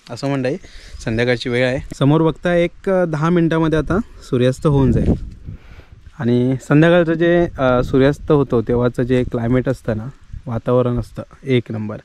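This medium-pitched man in his thirties, a village vlogger from Konkan, Maharashtra, India, speaks with a Konkani Marathi accent. He chats in a relaxed way straight to viewers, narrating to a handheld camera at arm's length in a rural village yard.

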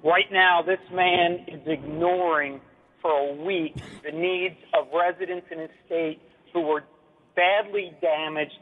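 A man's voice: on the high side, steady tone, measured pace, slight background noise. A man calling in to a radio show over a phone line, complaining angrily and urgently. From New Jersey. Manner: angry, urgent, indignant complaint.

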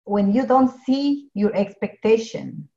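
A middle-aged woman from Ecuador, guesting as a pharmacist, speaks earnestly on a video call, often restarting and filling pauses. Her warm voice sits on the high side and is unhurried. She's in a home office with bookshelves, and the audio is dull and lo-fi.

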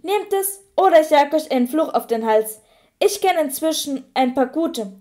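A woman's voice: high voice, lively intonation, normal speed, dark tone, pitched above the performer's own voice. A woman reading an audiobook, voicing a resolute, generous teenage boy wizard in a firm, determined manner. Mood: threatening. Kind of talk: audiobook character voice.

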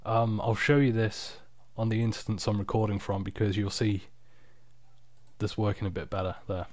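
A tired man giving a casual, unscripted screen-recording tutorial, explaining software steps in an informal, off-the-cuff way. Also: lowish voice, steady tone, normal speed, no echo. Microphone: external microphone, close and dry.

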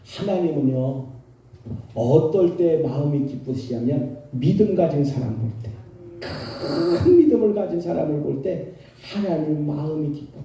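A male pastor preaching a sermon, telling a story with emphatic repetition and animated delivery. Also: on the high side, a little slow. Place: church sanctuary. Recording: echoey hall from far off.

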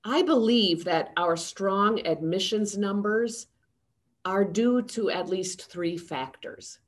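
Slow, measured older woman addressing a town hall. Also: mid-range voice. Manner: measured, formal and steady. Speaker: seminary president. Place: home study with bookshelves. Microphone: video call.

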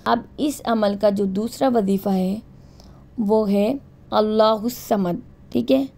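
A woman talks through a devotional practice in a calm, repetitive way and slows right down for each recited phrase. Her voice is dark and mellow with a gravelly edge. Her pitch stays flat and level throughout. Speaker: religious instructor. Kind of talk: spoken instruction with slow recitation.

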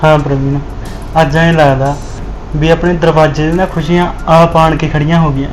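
An actor playing a young husband caught between two women, pleading and coaxing. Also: male voice, fairly high pitch, flat delivery, a little fast, slight background noise, lightly acted. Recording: echoey room, music behind.

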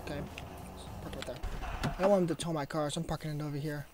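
Raspy, sick gamer muttering through play. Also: mid-range voice, steady tone, fast talker, over music. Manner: mutters and grumbles to self, chatty asides. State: sick with a sore throat, coughing. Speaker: gaming YouTuber. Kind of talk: casual gameplay commentary.

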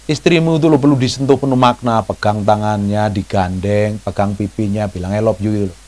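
A man preaching a sermon. His delivery is animated and conversational, full of questions to the congregation. He often jumps into high, mocking voices when he quotes people. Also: fairly quick. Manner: chatty, asks the congregation questions. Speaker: pastor.

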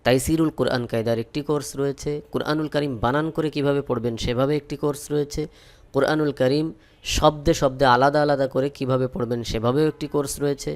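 A man with a Bangladeshi Bengali accent teaching Quran reading, spelling out each letter and vowel mark, then chanting the verses slowly. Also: medium pitch, a little mellow. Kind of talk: slow spelled-out Quran recitation lesson.

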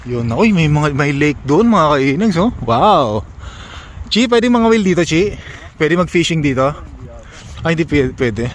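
A man's voice: fairly high pitch, big pitch swings, measured pace, a little hiss or hum. A man talking casually to his viewers while walking outdoors by a lake, exclaiming often at the sights. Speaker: vlogger.

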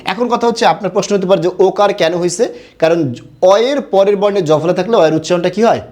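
A young man from Bangladesh teaches a Bengali grammar lesson, posing questions and answering them himself. His voice is high and darkish, and he speaks quickly in this recorded classroom session.

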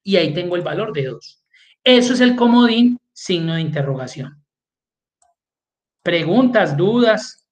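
A man's voice: high voice, lively intonation, unhurried, long pauses, lo-fi sound. A man teaching an online spreadsheet class, walking through each step and checking in with his students. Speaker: spreadsheet course instructor.

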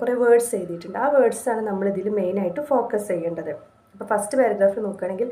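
A woman tutor with a Malayali accent explaining a course lesson in a conversational way, pausing often to search for words. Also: medium pitch, mellow, roomy sound, low-quality recording. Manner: conversational, with frequent fillers and pauses to find words.

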